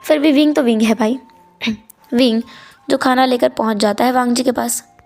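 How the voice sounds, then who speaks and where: A woman's voice: a little high, normal speed, darkish tone, soft background music. A woman retelling a story in a chatty, casual way, mixing in English words.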